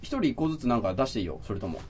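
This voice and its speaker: A man co-hosting a comedy podcast, pitching silly ideas in a playful, deadpan way. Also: racing, slight background noise. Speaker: podcast co-host. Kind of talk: casual comedic chat.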